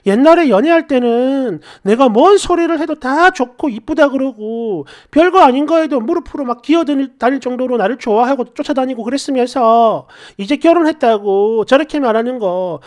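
A woman's voice: high-pitched, animated, normal speed, few pauses, a little mellow. A young woman narrating her own marriage story in a chatty, indignant, confessional way. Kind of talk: first-person story narration.

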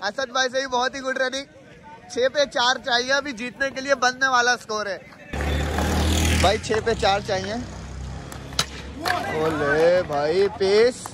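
A young Pakistani man with a very high voice offers eager ball-by-ball commentary on a night-time street cricket match, speaking at a measured pace with frequent pauses. A vlogger and team player, he counts balls and runs and cheers his teammates on. It's recorded outdoors on a handheld phone, with crowd noise in the background.

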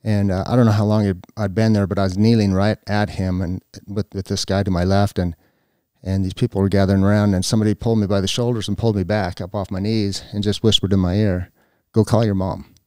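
Low, mellow-voiced man. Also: flat delivery, clean tone, no room sound, studio quality. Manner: halting, with many restarts and fillers. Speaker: guest. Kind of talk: personal storytelling. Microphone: podcast mic.

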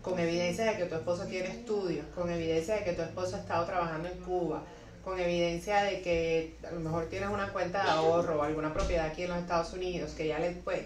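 A young immigration lawyer sits at her office desk answering viewer questions, giving practical step-by-step advice and often correcting herself. Her voice is fairly low. The office is echoey and she sounds a bit far from the mic.

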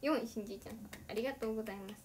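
A woman's voice: fairly high pitch, very fast, darkish tone, a little hiss or hum. A teenage girl, an idol livestreamer, chatting casually and giggling often between sentences. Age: teens.

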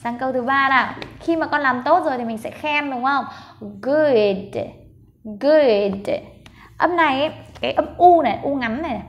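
A woman patiently leading a step-by-step pronunciation lesson, spelling out sounds slowly and modelling each word. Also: high voice, a bit bright, a little hiss or hum. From Vietnam. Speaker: English pronunciation teacher.

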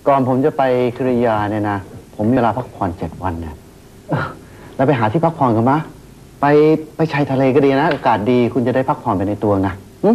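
A man's voice: medium pitch, a little fast, highs cut off, a little hiss or hum, natural voice. An actor playing a middle-aged businessman husband and father, soothing and coaxing. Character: older businessman husband, weary and placating.

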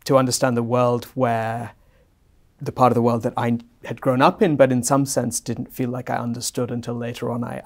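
A middle-aged man from Singapore, a guest historian answering at length in a measured, fluent way in a bright office lounge. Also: medium pitch, gravelly. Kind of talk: academic conversation.

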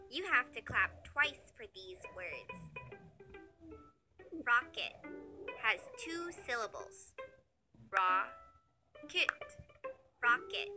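Lady doing a kids app lesson, high bright voice that swoops around, music playing behind. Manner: slow, sing-song and cheery, with praise calls between words. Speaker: children's learning app narrator. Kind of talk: scripted children's lesson narration.

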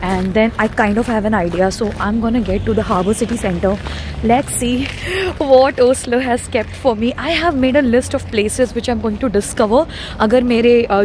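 A young Indian woman with a slightly high voice and an Indian English accent chats excitably to her phone camera while walking through snowy city streets. She talks in an unhurried way, switching between Hindi and English. Clear street noise runs behind her outdoors. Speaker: travel vlogger. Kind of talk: casual travel vlog, mixing Hindi and English.

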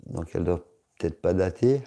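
A man's voice: low-pitched, fairly quick, gravelly, warm tone. A man chatting casually on a live stream, answering his chat in a rambling, joking way with many hesitations.

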